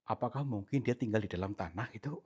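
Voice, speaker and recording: A man leading a paranormal investigation, talking in a hushed, polite, pleading way, often whispering. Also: lowish voice, fast. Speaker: ghost-hunting vlogger.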